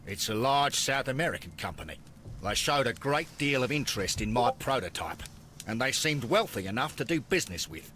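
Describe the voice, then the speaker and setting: A man's voice: mid-range voice, big pitch swings, a little fast, bright, forceful tone, slight background noise. An actor playing a pompous, self-important male businessman and inventor in a video game.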